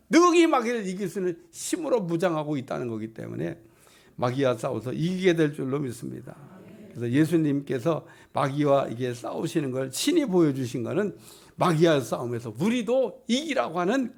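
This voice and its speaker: A man's voice: fairly high pitch, lively intonation, moderate pace, creaky. A middle-aged man preaching a Sunday sermon as pastor, with emphatic rising declarations and repeated blessings. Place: church sanctuary.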